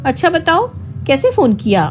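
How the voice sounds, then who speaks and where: A woman voicing a proud, stubborn young wife with a sharp, indignant way of speaking, telling a storybook tale. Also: fairly high pitch, big pitch swings, moderate pace, soft background music. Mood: sulky.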